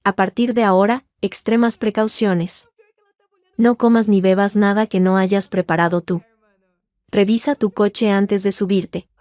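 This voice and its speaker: A woman voicing a calm, methodical male lawyer giving careful instructions in a read-aloud story. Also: sits high, no echo, clean studio sound. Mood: earnest. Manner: measured, grave, instructive. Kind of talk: scripted narration.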